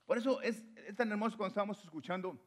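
Preacher guy giving a sermon, kinda high voice, repeats stuff for emphasis, goes soft then loud. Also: fast. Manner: emphatic, repeats phrases for stress; swings between soft, low lines and loud, high ones.

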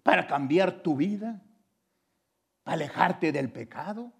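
A man preaching a sermon as pastor at a church service, moving between loud fervent appeals and hushed, quiet passages. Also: fairly high pitch, animated, unhurried, vocal fry, husky.

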